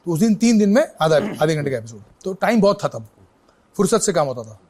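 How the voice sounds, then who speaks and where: A middle-aged man, an actor as an interview guest, telling anecdotes in a casual, lively way and slipping English phrases in. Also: on the high side, fairly quick.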